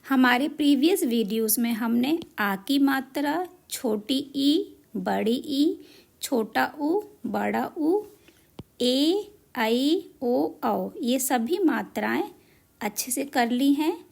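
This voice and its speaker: A woman with a high voice and a gravelly edge teaches a lesson on letter marks. She goes very slowly, sounding out every syllable with deliberate care. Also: animated, darkish tone. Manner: slow, deliberate spelling out of syllables. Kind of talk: Hindi matra lesson.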